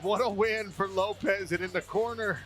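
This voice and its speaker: A man's voice: high voice, steady tone, normal speed, fairly bright tone, faint music behind. A man doing play-by-play sports commentary for mixed martial arts, naming fighters, stats and moves.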